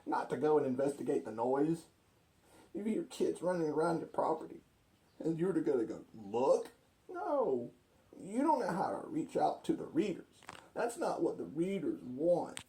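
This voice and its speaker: A man's voice: fairly high pitch, sing-song, moderate pace, dark tone, rough recording. A man playing a touchy, stubborn would-be author who argues insistently, in a comic skit of arguing with himself. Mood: dismissive. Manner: argumentative, insistent, repetitive.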